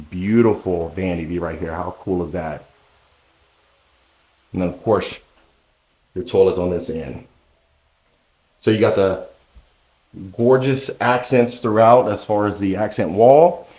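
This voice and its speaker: A man's voice: fairly low pitch, darkish tone. A man hosting a walkthrough tour of a new model home, talking straight to the viewer in an enthusiastic, salesy way while he walks from room to room with a handheld camera. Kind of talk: walkthrough house tour narration.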